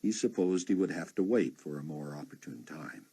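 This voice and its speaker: A man narrating an audiobook in an expressive, measured way. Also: rumbling low, slightly rough.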